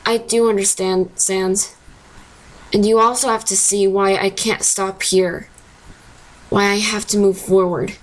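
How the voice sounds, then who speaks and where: A woman's voice: medium pitch, little pitch movement, a little slow, a little hiss or hum, natural voice, poor audio. Woman as Geno, a bitter wounded skeleton. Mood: remorseful, weary. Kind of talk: dramatic comic dub acting.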